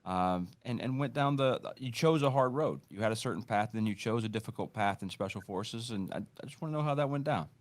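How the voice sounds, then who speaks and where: A man hosting a podcast, asking questions in a halting way, searching for words with many restarts. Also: fairly low pitch, expressive. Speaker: podcast host. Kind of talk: casual interview questions.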